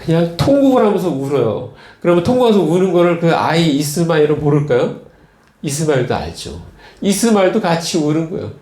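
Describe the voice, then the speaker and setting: Korean pastor preaching in a roomy church. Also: male voice, fairly high pitch, mellow. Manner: storytelling with many fillers and repeated words. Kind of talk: sermon.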